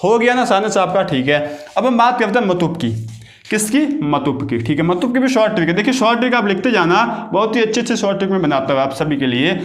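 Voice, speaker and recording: A man teaches a grammar lesson in a high voice. His chatty talk keeps checking whether the class follows along. The recording sounds echoey, as if made in a bare room. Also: lively intonation, fast talker. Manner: chatty, keeps asking "got it?". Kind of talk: exam-prep grammar lesson.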